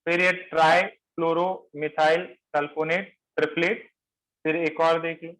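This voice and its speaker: A male chemistry lecturer quizzes his students and repeats key terms, blending English phrases into his Hindi explanation. His slightly high voice is flat, unhurried and a bit bright, captured on a low-quality recording.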